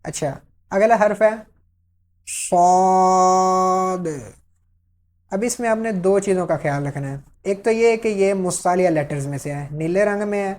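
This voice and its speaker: A woman's voice: medium pitch, lively intonation. Patient woman teaching letter sounds. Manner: patient, repeats each letter slowly and loudly for the learner to copy; checks in with "ٹھیک ہے؟". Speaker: Quran reading teacher. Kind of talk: step-by-step pronunciation lesson.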